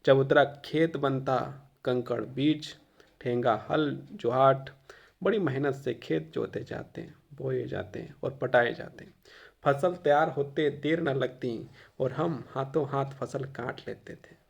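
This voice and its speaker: A male Hindi teacher who reads a textbook passage aloud and then explains it in casual spoken Hindi, often pausing on filler phrases and sometimes coughing. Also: medium pitch, vocal fry. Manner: occasional coughs. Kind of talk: reading and explaining a textbook chapter.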